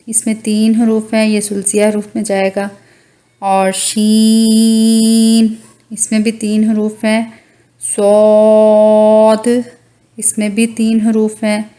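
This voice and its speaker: A woman teaching Quran recitation, drawing out each letter name slowly and patiently explaining with a Pakistani Urdu accent. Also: mid-range voice, mellow. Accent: Urdu-speaking, Pakistani. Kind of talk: slow recitation lesson, drawn-out letter names.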